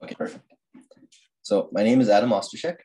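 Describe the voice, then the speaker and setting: A young man, a master's student, giving an academic slide presentation over a screen-recorded video call, halting with many fillers and restarts. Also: lowish voice, mellow.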